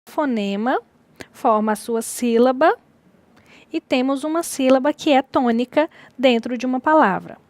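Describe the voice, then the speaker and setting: A woman teacher delivers a recorded distance-learning lesson, her voice sitting a little high. She explains step by step and repeats the key words. The sound is close and dry with no room around it. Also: normal speed, darkish tone, no room sound.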